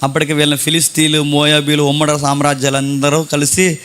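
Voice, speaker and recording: A middle-aged man preaches a sermon in a high, bright, forceful voice. He drives his points home with rapid rhetorical questions and slips into mocking, sarcastic asides. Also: monotone.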